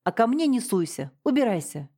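A woman reading a story, voicing a frightened younger woman who answers defensively and breaks into shrill shouting. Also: very animated, fairly quick. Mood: shrill, angry. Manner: trembling then shrieking.

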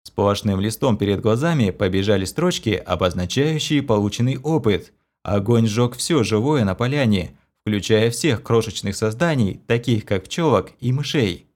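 A man reading a fantasy novel aloud as an audiobook narrator, dramatic and measured. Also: on the low side, expressive, a little mellow.

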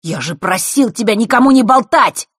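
A woman's voice: on the low side, expressive, moderate pace, slightly rough, no room sound, studio quality. A woman voicing a stubborn, defiant runaway boy in an audiobook, snapping back at his friends. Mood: shocked angry.

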